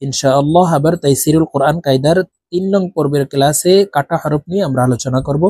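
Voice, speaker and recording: A man teaching Quran reading, chanting Arabic letters one by one in long drawn-out tones for viewers to repeat. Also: fairly high pitch, dark tone, slightly rough, no echo, clean studio sound. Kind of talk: Arabic letter pronunciation lesson.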